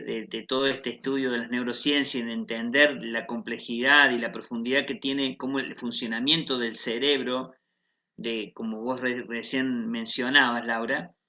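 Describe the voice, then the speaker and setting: A man's voice: mid-range voice, bright, forceful tone, lo-fi sound. A man with a Rioplatense Spanish accent speaking on a panel, reflective and using frequent fillers. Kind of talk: panel discussion.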